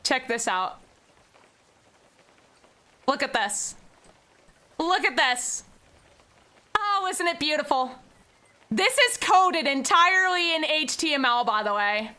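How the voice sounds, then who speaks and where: A woman's voice: high voice, slow, pauses often. A young woman streaming, chatting casually and directly with her viewers. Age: young adult. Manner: chatty, talks to chat directly, bursts into excited squeals. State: tearful with joy. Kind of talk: casual livestream chat.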